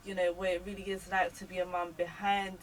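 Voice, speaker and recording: A woman's voice: on the low side, little pitch movement, brisk, far from the mic, slight background noise, rough recording. A young woman, a guest chatting casually about motherhood with lots of fillers. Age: young adult. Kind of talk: casual chat.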